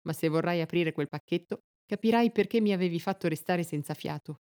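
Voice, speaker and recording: A woman voicing a stunned young husband who speaks in a dazed, halting way. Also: on the low side, dark tone, lightly acted. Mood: tender.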